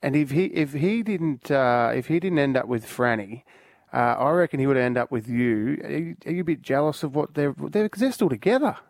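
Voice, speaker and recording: A man's voice: medium pitch, fairly quick, no room sound, studio quality. A man co-hosting a casual entertainment interview, asking chatty questions. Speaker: co-host interviewer.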